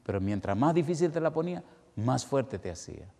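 A man voicing his elderly, ailing mother as a stern woman who has softened, speaking quietly, low and measured. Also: big pitch swings, in a large hall. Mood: tender.

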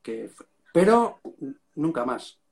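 A man, a rock singer with a Spain Spanish accent, talks in a loose, slangy, storytelling way during a relaxed interview. His voice sits a little high. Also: takes it slowly, vocal fry. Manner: casual storytelling, slangy, keeps saying "mate". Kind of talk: casual interview chat.

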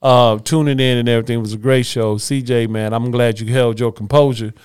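A man hosting a podcast in casual chat, easygoing and quick to laugh, closing out the episode for the listeners. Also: medium pitch, fairly even intonation, a little mellow, smooth. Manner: laughs often, easygoing, wraps up the show. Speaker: podcast host.

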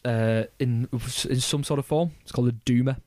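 A man's voice: medium pitch, steady tone, normal speed, a little mellow, dry recording. A man casually explaining history on a podcast, rambling and swearing, with many restarts. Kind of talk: casual chat.

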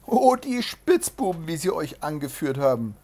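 A reader voicing a male swindler who fakes pity for his victim, speaking high and loud in a breathy voice. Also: sing-song, moderate pace. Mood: mock concern.

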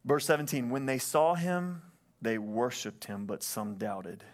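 In a church sanctuary, a pastor preaches earnestly from the stage, his sermon carried by a stage microphone; he repeats himself and often calls for an amen. His mid-range voice is unhurried, with lively intonation.

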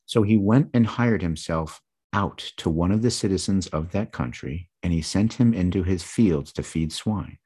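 A man's voice: sits low, normal speed, mellow, breathy edge. A man preaching, reading scripture aloud and breaking off into conversational, reflective asides.

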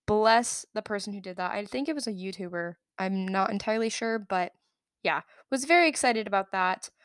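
Young adult woman, podcast host, rambling conversational delivery, mid-pitched, close dry mic. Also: a little fast, clear, resonant tone, dry recording. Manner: chatty, rambling, self-correcting. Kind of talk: casual solo podcast storytelling.

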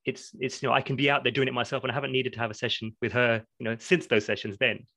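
A man in his thirties speaks as a podcast guest at a middling pitch, reflective and discursive. He lets small laughs slip into his explanations. The sound is close and dry, with no room around it. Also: level tone, rapid-fire, sharp tone, no echo. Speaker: podcast guest, academic in learning development. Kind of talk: conversational interview.

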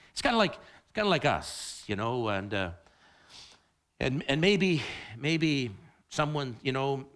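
A man preaching a sermon, stumbling over repeated starts as he works through a passage. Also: medium pitch. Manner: animated, halting with many repeated starts.

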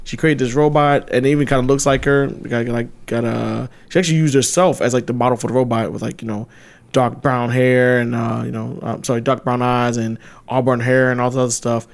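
Male podcast co-host, casual and animated storyteller who laughs easily. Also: medium pitch, a little fast, creaky. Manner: laughs often, retells stories with animated voices.

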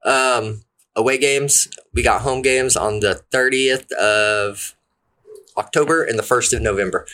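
A man's voice: medium pitch, a little slow, pushed and bright. A man co-hosting a podcast, chatting casually about sports in a rambling, easily sidetracked way. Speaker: podcast co-host presenting sports.

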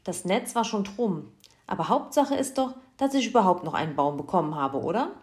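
A woman's voice: mid-range voice, expressive, a little fast, a little mellow, lightly acted. Woman doing a flustered dad, mumbly, defensive, children's story. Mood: sheepish. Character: flustered father, proud then unsure. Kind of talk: storybook reading.

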